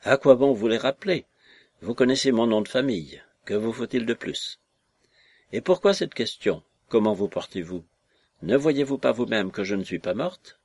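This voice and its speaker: A man's voice: mid-range voice, lively intonation, normal speed, a little mellow, husky, dry recording. A man reading aloud who voices a sullen, curt woman conspirator in short, blunt replies. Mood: irritated. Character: gruff brooding young woman conspirator. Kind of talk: audiobook character voice.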